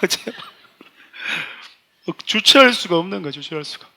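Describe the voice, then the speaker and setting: A man's voice: high voice, lively intonation, normal speed, creaky, pushed and bright. A middle-aged man, a pastor, preaching a sermon and telling a personal story with strong emotion, often addressing the congregation directly.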